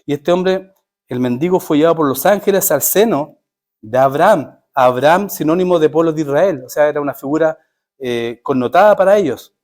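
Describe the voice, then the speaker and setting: A man's voice: fairly high pitch, moderate pace, darkish tone. A man preaching a sermon as pastor, emphatic and full of rhetorical questions to his listeners.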